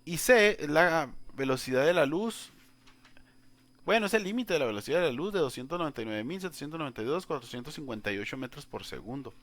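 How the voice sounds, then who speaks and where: Lively man explaining calculus. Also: fairly high pitch, fast, no echo. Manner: chatty, addresses the student directly, explains step by step. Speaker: math teacher. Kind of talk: informal whiteboard lesson.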